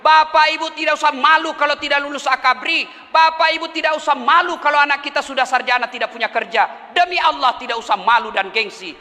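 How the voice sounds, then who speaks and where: A man preaching a humorous sermon, animated and emphatic, mixing jokes with earnest appeals. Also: extremely high pitch, fast, few pauses. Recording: long hall reverb.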